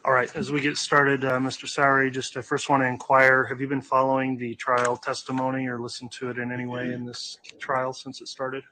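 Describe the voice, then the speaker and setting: A man presiding as judge, giving measured procedural instructions, heard on a courtroom recording. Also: mid-range voice, monotone, bright, forceful tone, dry recording, low-quality recording. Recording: courtroom audio with faint ambience.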